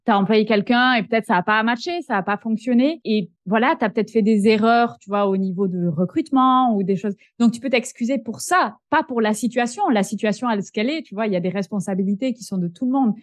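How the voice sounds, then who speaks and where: Woman podcast host, chatty and affirming; a slightly high voice, recorded dry and close. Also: quick pace, few pauses, no echo. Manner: warm-hearted, chatty, affirming. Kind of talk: casual interview chat.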